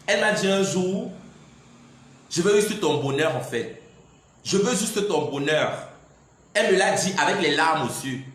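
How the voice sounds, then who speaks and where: High-voiced man, very echoey. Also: fairly bright tone. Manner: defiant, repeatedly saying "I'm sorry" and "in fact". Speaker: livestreamer. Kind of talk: impassioned live-stream monologue. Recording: very echoey room, faint background noise.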